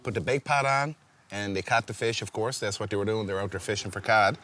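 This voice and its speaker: A man's voice: on the low side, fast, fairly bright tone. A man from Newfoundland with a Newfoundland accent, an easygoing boat builder chatting and laughing over a meal. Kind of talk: casual chat over a meal.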